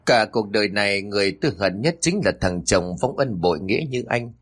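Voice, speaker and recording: A man voicing a heartbroken young mother who speaks in soft, weak, hushed tones in a spoken story. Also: lowish voice, animated, brisk. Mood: bitter.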